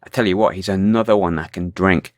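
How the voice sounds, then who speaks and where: A man's voice: low-pitched, a little fast, no echo. A man hosting a casual podcast chat, telling rambling, jokey anecdotes. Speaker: podcast host and interviewer.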